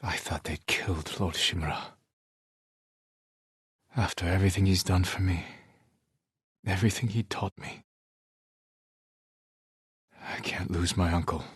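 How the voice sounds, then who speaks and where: An actor delivers a heavily acted, reflective monologue as an honorable samurai warrior in a video game, solemn and sorrowful like a stoic man carrying grief. His deep, rough-edged voice is restrained and measured. It's recorded close and very dry, with no room sound.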